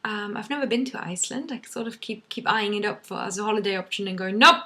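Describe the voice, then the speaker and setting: Speaking fast with a sharp tone at medium pitch, a young woman vlogs casually to camera in German-accented speech, since German is her first language. She rambles chattily, with plenty of ums and false starts.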